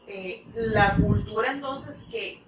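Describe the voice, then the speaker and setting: A woman's voice: medium pitch, slow pace. A woman from New York, an English teacher, telling stories in a church talk with many fillers. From United States (New York). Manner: rambling, filler-heavy storytelling. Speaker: English teacher, ministry speaker. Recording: echoey room, mic far off, noisy.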